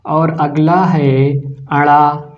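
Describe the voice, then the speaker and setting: A man with a Hindi accent teaching a grammar lesson, dictating slowly, one word at a time, with long pauses. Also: fairly high pitch, level tone, highs cut off. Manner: slow, drawn-out dictation with long pauses between words.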